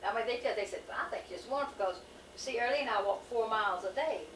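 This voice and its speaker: A woman's voice: fairly high pitch, a bit bright, a little hiss or hum. A woman in her sixties chatting at home, telling stories and quoting what others said. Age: 60s. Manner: fast storyteller, keeps quoting what others said. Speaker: family member chatting with her sisters. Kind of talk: casual home-video chat. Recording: echoey, distant home camcorder recording.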